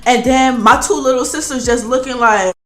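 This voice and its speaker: A young woman vlogger telling a casual storytime, animated and slangy, often laughing. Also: sits high, moderate pace. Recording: roomy echo with faint music.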